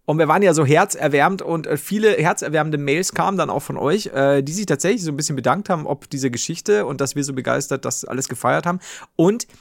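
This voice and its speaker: A man hosting a casual podcast, telling an anecdote in an animated way and laughing often mid-story. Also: a little high, quick pace, vocal fry, no room sound, studio quality. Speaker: podcast host.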